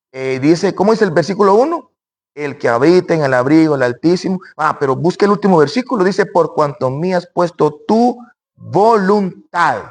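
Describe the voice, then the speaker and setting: A man preaching a sermon, animated, swinging between loud high exclamations and quiet low asides, acting out imagined objections. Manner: acts out imagined objections in dialogue.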